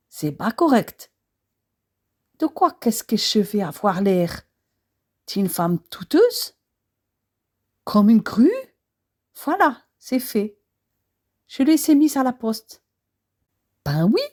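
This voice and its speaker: A drowsy, grumbling housemaid with a thick Alsatian accent, as a woman puts her on for a stage play within an audiobook. She drawls and yawns through her lines, and the voice stays soft and mellow. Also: medium pitch. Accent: Alsatian, put on.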